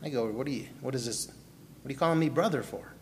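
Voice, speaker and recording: Speaking fast in a mid-range voice, a Milwaukee pastor delivers a sermon that includes his own testimony, addressing questions to the congregation and singling people out by name. The recording carries a long hall reverb and slight background noise.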